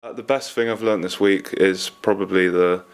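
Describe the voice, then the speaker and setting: A man in his twenties, a PhD student, answering interview questions in a relaxed, casual way. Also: low-pitched, normal speed, clean tone. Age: 20s.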